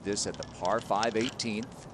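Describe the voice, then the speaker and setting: A man working as lead golf commentator, calling tournament highlights and setting up each shot. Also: steady tone, a little slow, background noise. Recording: music behind the voice.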